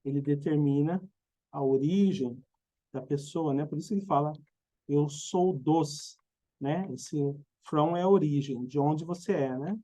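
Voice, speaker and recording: A woman's voice: deep voice, moderate pace, mellow. A woman with a Brazilian Portuguese accent teaching an English grammar lesson, patient and explanatory, often checking in with tag questions.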